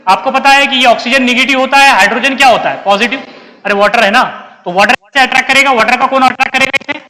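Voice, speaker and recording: A man's voice: extremely high pitch, quick pace, pushed and bright, in a large hall, low-quality recording. A man with an Indian accent teaching chemistry, mixing English terms into his lecture and repeatedly asking his students questions, then answering them himself. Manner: keeps quizzing students and answering himself, calls them beta. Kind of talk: classroom lecture.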